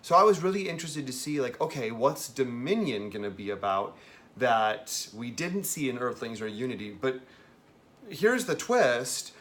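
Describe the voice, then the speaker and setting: Man, campy manner, medium pitch, casual review chat, wry asides, host. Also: very animated, normal speed, fairly bright tone. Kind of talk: casual conversational film review.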